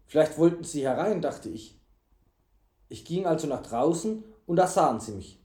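A man voicing a cowardly young male servant who wails in high yelps. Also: expressive, moderate pace, warm tone, natural voice. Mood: grudging. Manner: wailing, high-pitched yelps. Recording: echoey room.

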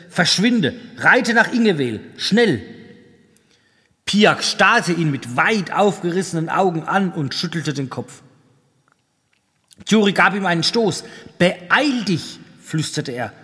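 Slow male audiobook narrator. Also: fairly high pitch, fairly bright tone, long reverb tail. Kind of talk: scripted narration.

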